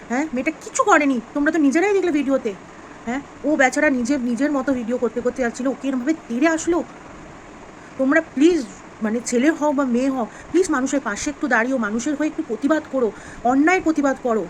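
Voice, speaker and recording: A woman from West Bengal, India, who is unwell, speaks straight to camera in a vlog, earnest and upset as she pleads with viewers. Her voice sits high, and the audio is poor with slight background noise.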